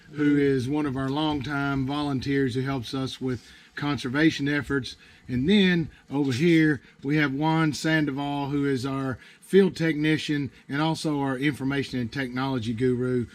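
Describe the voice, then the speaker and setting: Folksy man with an Appalachian accent. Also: medium pitch. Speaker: livestream host. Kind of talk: casual live explanation to viewers.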